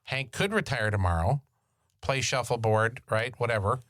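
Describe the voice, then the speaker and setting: A man's voice: medium pitch, normal speed, fairly bright tone, no echo. A man co-hosting a financial podcast in casual chat, with dry, sarcastic quips. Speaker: podcast co-host.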